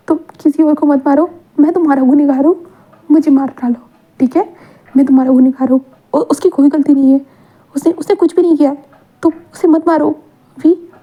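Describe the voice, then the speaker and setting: Woman doing a sorry ghost guy, stammering apologies, high voice, phone-like sound. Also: natural voice. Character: remorseful male soul begging forgiveness. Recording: tinny phone-like audio.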